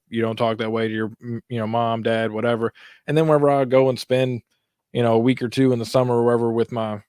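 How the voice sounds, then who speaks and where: A man from Kentucky, a guest co-host, talking politics in an animated, casual way with lots of fillers. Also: medium pitch, clear, resonant tone, no echo, studio quality. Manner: animated, conversational, frequent fillers.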